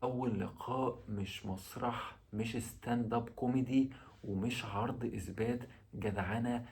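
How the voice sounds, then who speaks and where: Man, Egyptian Arabic accent, husky voice, mid pitch, casual advice talk, speaks directly to the listener. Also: darkish tone. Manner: direct, addresses the listener, rhetorical questions. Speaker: dating advice vlogger.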